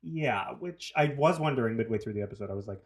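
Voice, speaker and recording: A man's voice: medium pitch, expressive, quick pace. A man from New Zealand with a New Zealand accent, co-hosting a casual podcast and jumping between topics with swearing. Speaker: podcast co-host. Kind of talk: casual chat.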